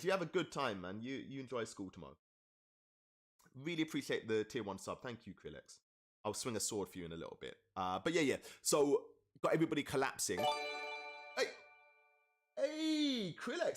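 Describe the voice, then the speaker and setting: A man's voice: lowish voice, big pitch swings, a little fast, soft background music. A rapper and streamer on a live stream with a webcam, eagerly walking through his own lyrics, counting syllables aloud and thanking viewers in chat. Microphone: streaming setup with webcam.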